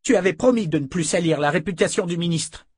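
An enraged young thug shouts accusations in a raised, strained voice, as a male audiobook narrator puts him on. The tone is husky and the recording dry. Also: sits high, quick pace, no echo, voice pushed up. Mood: furious.

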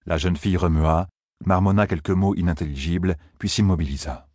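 A man narrating a fantasy audiobook in a steady, measured storytelling voice. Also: low-pitched, dry recording, studio quality.

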